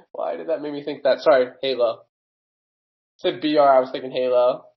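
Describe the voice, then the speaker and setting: A young man co-hosting a podcast, excitable and quick to laugh, often stammering. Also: medium pitch, creaky, dull audio. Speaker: podcast co-host. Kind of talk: casual chat.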